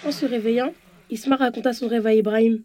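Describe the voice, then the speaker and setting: Calm female narrator, mellow and soft. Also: on the high side, quick pace, a little hiss or hum. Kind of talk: children's storybook narration.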